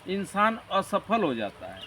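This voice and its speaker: A man's voice: sits high, very animated, a little slow, sharp tone. A man being interviewed, talking earnestly and at length in a motivational way. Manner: earnest, motivational, rambling explanations. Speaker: interview guest. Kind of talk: conversational interview. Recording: distant mic with faint background noise.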